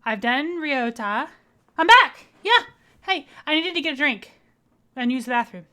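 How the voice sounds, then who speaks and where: A woman's voice: high-pitched, expressive, unhurried, pushed and bright. A woman streamer chatting casually and rambling to her viewers while playing a game. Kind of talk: casual let's-play chat.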